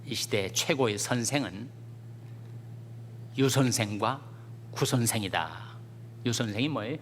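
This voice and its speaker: A Korean pastor delivering a sermon, telling folksy jokes and stories, then reading scripture with rising fervor. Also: male voice, medium pitch, unhurried, slight background noise. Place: church sanctuary. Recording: long church reverb.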